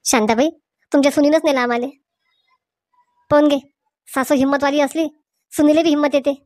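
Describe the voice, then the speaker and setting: A woman's voice: sits high, steady tone, a little fast, darkish tone. A woman acting in a comic village skit, chiding and pleading in rural talk. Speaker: comedy sketch performer.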